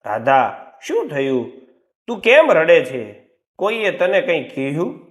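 A man plays a gentle young husband in a storybook tale, asking his wife what is wrong. The voice is a bit high and moves through a wide, expressive range. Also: takes it slowly. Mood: concerned. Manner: gentle questioning. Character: caring young husband, concerned.

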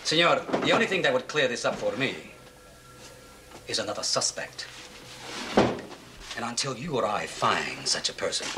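An actor playing a menacing Brazilian police inspector, formal, deliberate and deadpan. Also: male voice, medium pitch, very noisy, close to an everyday voice. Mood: dry menace. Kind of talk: 1980s TV action drama dialogue. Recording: TV soundtrack with music.

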